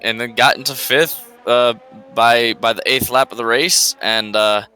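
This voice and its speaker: A man's voice: mid-range voice, fairly even intonation, a little slow, pushed and bright, clear, resonant tone, faint music behind. A man giving live sim-racing commentary as a motorsport commentator, repeating words for emphasis.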